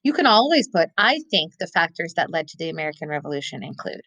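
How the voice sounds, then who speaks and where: A woman teaching a recorded classroom lesson with a bright, crisp voice. She thinks aloud step by step and slows right down to lean on key words. The sound is dry and close, with no room around her. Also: low-pitched, big pitch swings, no echo, rough recording. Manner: models thinking aloud, slows to stress keywords.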